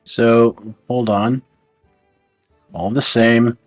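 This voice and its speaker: A man's voice: mid-range voice, fairly even intonation, drawn-out words, soft background music. A man playing a tabletop role-playing game, talking casually and describing what his character does.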